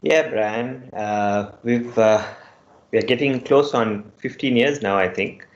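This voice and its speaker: A middle-aged man from Sri Lanka, speaking as a podcast guest in a measured way and pausing often between phrases. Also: mid-range voice. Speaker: guest, company CTO. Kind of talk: casual podcast interview. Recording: roomy, dull lo-fi remote audio.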